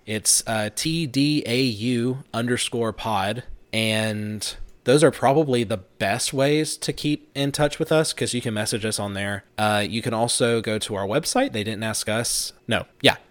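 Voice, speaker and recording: A man's voice: mid-range voice, a little slow, dry recording. A man in his thirties hosts a casual podcast, his talk loose and rambling, full of fillers and false starts. The sound is close and dry, with no room around it. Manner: relaxed, rambling, with fillers and restarts. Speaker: podcast host. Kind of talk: casual chat.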